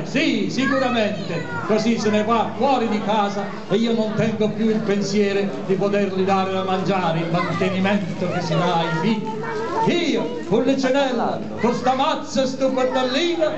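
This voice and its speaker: A man's voice: high voice, lightly acted. A man voicing a cheeky, poor Neapolitan puppet clown in live comic theatre, addressing the audience theatrically. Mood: playful, showy. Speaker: puppeteer performer. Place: outdoor puppet booth through speakers, filmed from audience. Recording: dull echoey outdoor recording with crowd.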